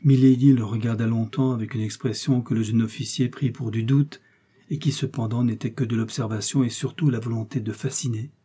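A man narrating a classic novel aloud in a measured, expressive reading. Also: medium pitch, breathy edge. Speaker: audiobook narrator. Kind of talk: literary audiobook narration.

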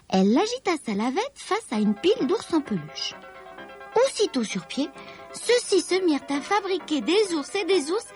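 A woman reading a children's story aloud in a slow, expressive, lilting way. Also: high-pitched.

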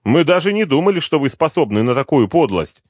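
A man's voice: on the high side, very animated, brisk, a little mellow, no room sound, clean studio sound, pitched above the performer's own voice. A man doing a smug, mocking villain. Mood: mocking, menacing. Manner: mock-polite, sneering. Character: smug menacing male gang boss, mocking, coldly polite.

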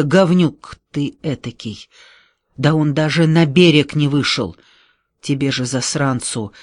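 A man voicing a gruff, angry male border guard sergeant who barks orders coarsely, read close on a dry mic. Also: medium pitch, no echo, lightly acted. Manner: barking orders, coarse and exasperated.

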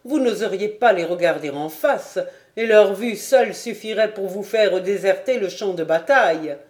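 A woman voicing an insolent, boastful male sergeant who taunts and mocks loudly. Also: medium pitch, normal speed, lightly acted. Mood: mocking. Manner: loud, scornful and taunting.

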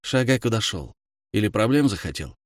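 A man's voice: on the low side, big pitch swings, fairly quick, dry recording, clean studio sound. A man voicing an arrogant, hot-tempered teenage boy bully who snarls and hisses threats. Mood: menacing.

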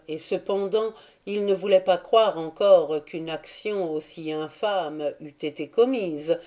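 A woman reading a classic novel aloud as an audiobook narrator, measured and steady. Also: lowish voice. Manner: slow, measured storytelling. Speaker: audiobook reader. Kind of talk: scripted narration.

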